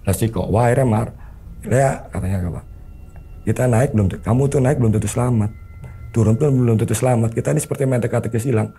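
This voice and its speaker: A man's voice: mid-range voice, fast, warm tone, slightly rough. A man telling a story as an interview guest, earnestly acting out the remembered dialogue. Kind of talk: conversational storytelling.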